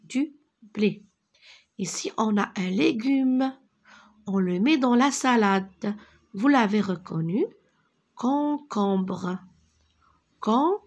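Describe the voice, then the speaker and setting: A woman leads a reading lesson for young children at a very slow, careful pace. Her voice is gravelly with a husky edge. She repeats each word and sounds out the syllables one by one. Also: mid-range voice, animated, a little mellow. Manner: drops to a whisper on single words. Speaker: teacher.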